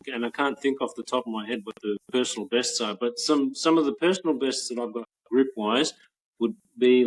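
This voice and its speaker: Speaking at a medium pitch, this Australian man of about forty works as a patent office trainer. He chats as a guest in a casual video-call interview, rambling easily with lots of restarts and quiet laughs, and the audio quality is poor.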